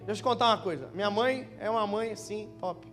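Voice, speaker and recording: A young Brazilian pastor with a high voice preaches at a youth conference. He jokes, tells stories and calls his listeners brother. Music plays underneath the live church recording. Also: fast talker, big-room sound. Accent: Brazilian Portuguese. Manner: joking, storytelling, addressing listeners as brother. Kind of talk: lively conference sermon.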